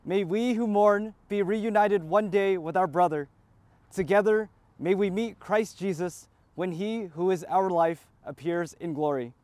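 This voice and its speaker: Priest, male, high voice, measured recitation of funeral liturgy, dry sound. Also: a little mellow, dry recording. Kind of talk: graveside funeral rite.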